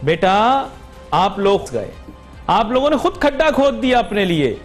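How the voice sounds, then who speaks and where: A man's voice: high voice, big pitch swings, a little slow, faint music behind. A man with a Pakistani Urdu accent hosting a business TV show, mocking and sarcastic in a monologue before interviewing a guest over a studio mic. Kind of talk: satirical monologue then interviewing.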